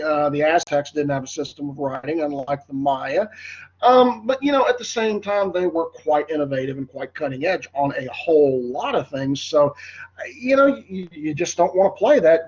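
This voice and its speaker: A man's voice: on the high side, darkish tone, husky, lo-fi sound. A man giving an informal history lecture, talking conversationally with many fillers and asides.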